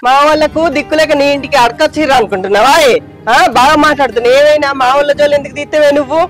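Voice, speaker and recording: A man playing a high-voiced angry young wife. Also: rapid-fire, over music, low-quality recording. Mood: defiant. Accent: Telangana Telugu. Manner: defiant, cursing, complaining. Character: young village wife fed up with her mother-in-law. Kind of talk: village comedy skit acting.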